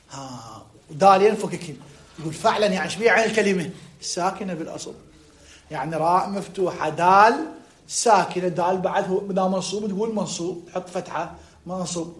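A man with an Iraqi Arabic accent teaching a classroom lesson, dictating slowly with drawn-out words and quizzing his students. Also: sits high.

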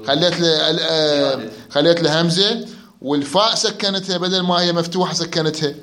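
Male teacher, tense high-ish voice, keeps quizzing the class, echoey room recording. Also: fairly even intonation, fairly quick, bright, forceful tone. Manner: prompts students with questions and repeats answers. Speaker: Arabic grammar teacher. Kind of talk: classroom lecture.

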